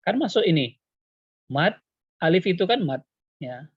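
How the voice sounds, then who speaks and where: A man's voice: sits high, big pitch swings, a little slow, breathy edge, no room sound, dull audio. A man teaching Quran recitation rules one-on-one in an online lesson, patiently quizzing his student with repeated questions. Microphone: video call.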